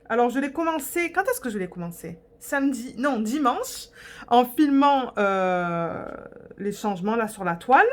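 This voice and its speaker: A young woman vlogging in a casual, rambling way, chatting to her viewers with lots of fillers and restarts. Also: on the high side. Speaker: diamond painting vlogger. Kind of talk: casual chat to camera.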